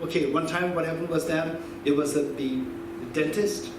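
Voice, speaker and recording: Speaking at a moderate pace in a fairly high, even voice, this fifties-aged man gives a conversational teaching talk on Buddhist philosophy. He quizzes listeners and returns to key phrases again and again, captured from a distance in a reverberant hall with noise behind him.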